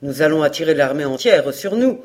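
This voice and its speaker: A woman voicing an earnest young officer who speaks with loud urgency. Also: sits low, expressive, fairly quick. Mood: urgent.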